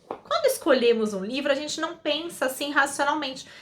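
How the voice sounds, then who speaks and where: High-pitched young woman explaining stuff to parents, patient, asks questions then answers them herself. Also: expressive, fairly quick, slight background noise. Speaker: reading educator.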